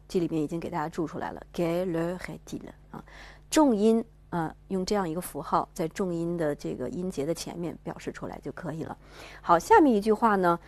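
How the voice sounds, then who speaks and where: Patient woman teacher, lower voice, slow model readings, dry sound. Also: a little mellow, dry recording. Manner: patient, explanatory, models words slowly. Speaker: French teacher. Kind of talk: pronunciation lesson.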